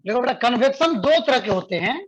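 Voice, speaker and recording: Indian-accented male teacher, classroom lecture; slow dictation, brisk quizzing explanations. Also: extremely high pitch, expressive, slightly rough, highs cut off. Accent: Indian English. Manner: dictates slowly, repeating phrases, then explains fast with questions to students. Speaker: physics teacher.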